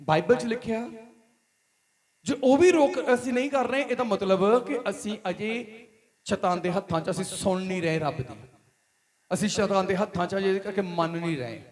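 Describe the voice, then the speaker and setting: A man's voice: high voice, normal speed. A man with a Punjabi accent preaching a sermon in church, building to emphatic repeated questions. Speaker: pastor. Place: church hall.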